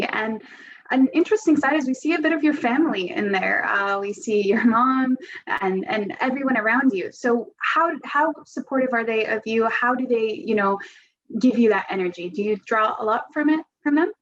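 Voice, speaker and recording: A woman interviewing a musician, asking measured questions with occasional hesitations. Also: fairly high pitch, muffled recording.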